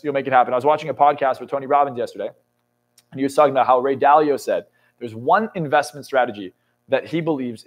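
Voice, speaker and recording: A motivational speaker and coach in his twenties sits for a podcast interview on an indoor studio lounge set. His delivery is intense and emphatic, with frequent swearing and excited peaks, in a medium-pitched voice.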